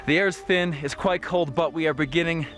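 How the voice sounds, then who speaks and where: A male presenter out of breath, reporting outdoors high on a mountain with a raised, breathless delivery. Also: a little fast, a bit bright. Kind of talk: on-location travel report.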